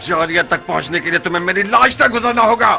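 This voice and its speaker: A furious warrior, gravelly, booming, bitter, over dramatic score. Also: male voice, fairly even intonation, normal speed, faint music behind. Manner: grave and bitter, erupting into shouted threats. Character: fierce warrior man, proud and quick to rage. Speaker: Mukhtar. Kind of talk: dubbed historical drama.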